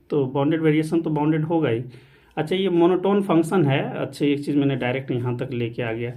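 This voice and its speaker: In an online exam-prep lecture, a maths teacher explains real analysis in Hindi sprinkled with English math terms, his voice a little high, brisk and dark in tone. He keeps calling his students "saathiyon" and poses rhetorical questions that he then answers himself.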